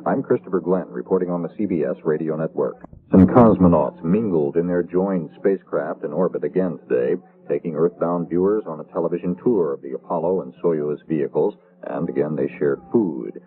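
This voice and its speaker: A man's voice: deep voice, fairly quick. A man anchoring a scripted network radio newscast in a formal announcer delivery, heard over a tinny 1970s broadcast.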